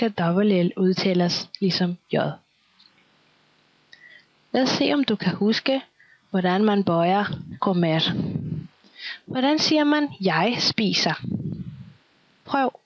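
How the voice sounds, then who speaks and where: A woman teaching a scripted language lesson, speaking slowly and patiently and pausing so the listener can answer. Her voice sits in an ordinary middle pitch. The recording is dull and lo-fi, with a dry, close sound. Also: expressive, no echo. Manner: slow, patient quizzing with pauses for the listener to answer.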